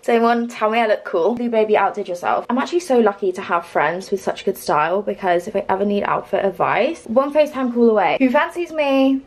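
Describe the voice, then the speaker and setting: A woman's voice: mid-range voice, animated, fast talker, hardly any pauses, poor audio. A hungover woman in her early twenties chatting casually to camera in a scatty, playful, gushing way with lots of slang. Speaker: vlogger.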